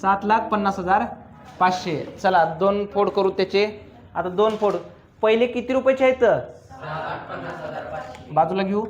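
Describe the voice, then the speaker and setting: High-voiced teacher drilling a class. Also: male voice, steady tone, measured pace, pauses often, highs cut off. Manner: asks the class constant questions, teasing and drilling. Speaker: accounts teacher. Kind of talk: classroom lecture.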